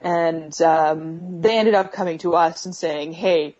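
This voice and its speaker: A woman's voice: on the low side, slow, darkish tone. Woman on a breaking-up phone connection. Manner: hesitant, with many fillers and restarts. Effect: bad connection on a phone video call, breaking up. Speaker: interview guest. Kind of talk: answering questions in an interview. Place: bedroom at home. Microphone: video call app on a phone. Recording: lo-fi phone call audio.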